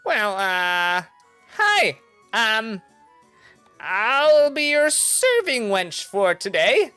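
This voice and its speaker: A man's voice: high-pitched, big pitch swings, drawn-out words, bright, forceful tone, clear, resonant tone, no echo, faint music behind, voice pushed up, exaggerated voice. A man voicing a meek, nice male server playing a rhyming serving wench in tabletop role-play, with hesitant sing-song calls. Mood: awkward, eager.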